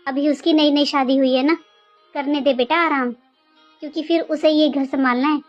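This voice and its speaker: A woman's voice: sits high, steady tone, moderate pace, highs cut off, faint music behind, close to an everyday voice. A woman playing a talkative middle-aged mother-in-law who scolds sharply but cares about her family. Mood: gentle advising.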